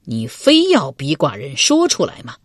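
A woman narrator voicing a suspicious, jealous middle-aged male lord in a historical novel reading, cold, sneering and deliberate. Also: a bass voice, wildly swooping pitch, no room sound, clean studio sound, full character voice.

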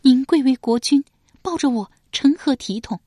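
A woman voicing a gentle, earnest young former palace maid in a storybook reading. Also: high-pitched, normal speed, no echo, studio quality, voice pushed up.

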